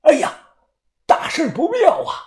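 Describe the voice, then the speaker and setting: A woman's voice: high-pitched, wildly swooping pitch, voice pushed up, exaggerated voice. A woman putting on a cackling crazed old kung fu master. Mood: gleeful. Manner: cackling, sing-song, drawn-out chanting. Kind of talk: storytelling audiobook.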